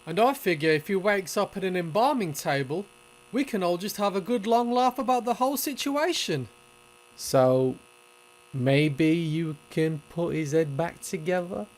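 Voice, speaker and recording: A man's voice: sits high, lively intonation, a little slow, rough recording. Man acting a theatrical, wordy, wry cartoon undertaker. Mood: dry, sardonic. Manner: wordy, theatrical, sardonic delivery. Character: wry, grandiloquent male undertaker and bootlegging accomplice. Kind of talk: animated fan dub acting.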